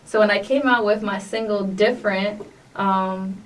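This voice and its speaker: A woman's voice: medium pitch, steady tone, moderate pace. Chatty young woman with a New York accent. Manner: upbeat, chatty, many fillers. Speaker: guest artist. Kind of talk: casual podcast interview. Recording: distant mic with faint noise.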